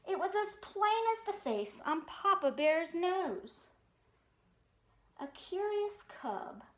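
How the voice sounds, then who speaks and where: Sing-song and expressive, a very high-voiced woman gives an animated storytime reading of a children's picture book, chatting between pages and stopping to ask the young audience questions, in an echoey, roomy space.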